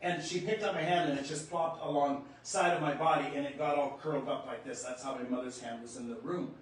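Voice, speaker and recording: A man's voice: on the high side, fairly even intonation. Earnest man telling a story, echoey room. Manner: earnest, halting, reliving the moment. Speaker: spiritual storyteller. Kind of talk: personal storytelling to camera. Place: room in his home near the kitchen. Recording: echoey room, distant mic, faint background hum.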